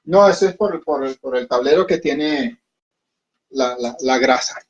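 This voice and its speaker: A man's voice: medium pitch, measured pace. A man teaching a class at a whiteboard, patiently repeating himself and often checking that his students follow. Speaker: Hindi teacher. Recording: dull lo-fi recording.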